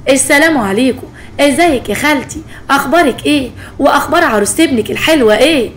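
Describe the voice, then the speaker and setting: A woman's voice: high-pitched, fast, a little hiss or hum, close to an everyday voice. A woman voicing a chatty, gossipy young neighbor with an Egyptian Arabic accent, in a spoken story. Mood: cheerful.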